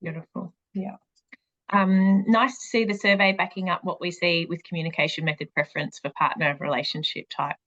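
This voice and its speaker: A woman's voice: fairly low pitch, fairly even intonation, fairly quick, a bit bright, highs cut off. A woman moderating an online webinar, reading questions from the chat. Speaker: webinar host.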